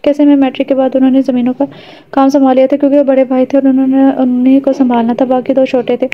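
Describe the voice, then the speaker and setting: A woman voicing a gentle, coaxing young village girl in an audiobook, earnest and reassuring. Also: sits high, completely flat delivery, lo-fi sound, natural voice. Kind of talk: audiobook character reading.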